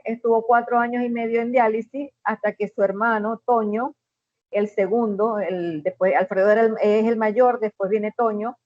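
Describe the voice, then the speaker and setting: A middle-aged Venezuelan woman, appearing as an interview guest, tells a personal story earnestly and in a measured way, often filling pauses with "este." She speaks in Venezuelan Spanish with a voice on the high side. There's no room sound, and the highs are cut off.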